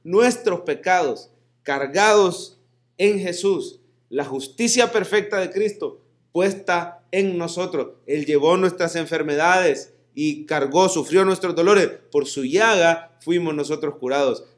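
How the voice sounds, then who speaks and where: A man preaching a sermon, reading scripture and leading the congregation in repeating phrases, rising to loud emphatic declarations and dropping to hushed passages. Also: on the high side, slow. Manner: calls the congregation to repeat words aloud.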